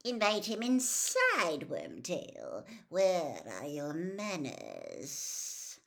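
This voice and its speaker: A woman voicing a cold, menacing male dark wizard villain in a storybook reading, hushed and sinister. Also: sits low, huge pitch swings, extremely slow, creaky, voice pushed down, exaggerated voice.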